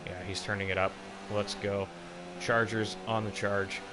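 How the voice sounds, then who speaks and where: Low-voiced man calling a motor race. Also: flat delivery, a little slow, background noise. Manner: motorsport commentator calling the action, casual phrasing. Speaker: motorsport commentator. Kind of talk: live sim racing commentary.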